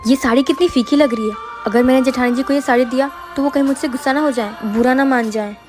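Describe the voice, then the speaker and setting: An actress playing a timid young sister-in-law who speaks hesitantly and anxiously in a short family drama skit. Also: female voice, high-pitched, fairly even intonation, quick pace, music in the background, natural voice.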